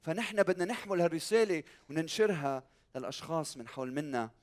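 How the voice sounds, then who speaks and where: A male pastor with a Lebanese Arabic accent delivers a church sermon in a fairly high-pitched voice. He speaks emphatically, repeats key phrases for weight and puts rhetorical questions straight to his listeners. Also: lively intonation, quick pace.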